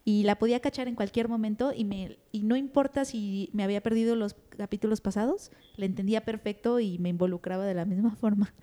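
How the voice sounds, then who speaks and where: A woman's voice: mid-range voice, a little fast, hardly any pauses, mellow. A woman co-hosting a podcast, talking in a rambling, reflective way with many restarts. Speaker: podcast co-host. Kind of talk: casual podcast chat.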